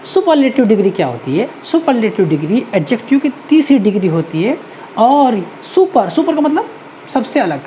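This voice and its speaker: Mellow-voiced woman teaching grammar. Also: medium pitch, a little hiss or hum. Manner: patient, repeats each rule, asks herself questions. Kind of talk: explanatory video lesson.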